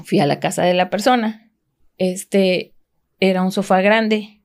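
A woman's voice: medium pitch, fairly even intonation, a little slow, a little mellow. A woman from Mexico, a podcast guest, telling a personal story in a casual, rambling way with frequent restarts.

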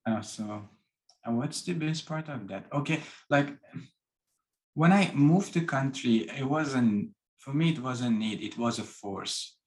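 A man from Iran talks in a relaxed interview. His pitch sits mid-range, and he works through phrasing with plenty of restarts. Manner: halting, with restarts and non-native grammar. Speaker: guest. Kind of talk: casual interview talk.

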